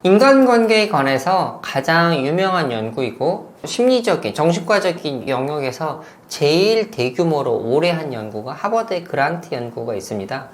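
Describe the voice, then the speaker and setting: A man, a psychiatrist, giving measured explanatory answers in an interview. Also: a little high, sing-song. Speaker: psychiatrist guest. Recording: roomy room with faint noise.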